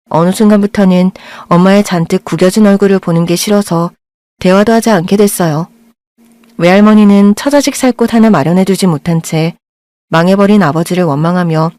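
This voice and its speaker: A woman's voice: on the low side, mellow, no room sound. Reflective woman narrating a story. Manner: reflective, confessional.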